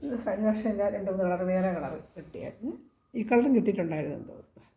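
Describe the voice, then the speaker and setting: A woman with a Kerala Malayalam accent and a slightly hoarse voice from a cold, chatting casually as she shows clothing for sale. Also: mid-range voice, expressive, rapid-fire, warm tone, roomy sound. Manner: chatty, repeats prices and sizes. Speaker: clothing seller. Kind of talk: casual product showcase.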